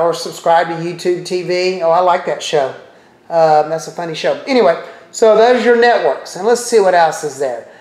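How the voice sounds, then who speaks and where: A middle-aged man with a somewhat high, slightly mellow voice gives viewers a casual walkthrough of a TV streaming service. He thinks aloud and drops chatty asides while clicking around, and the recording has a roomy echo.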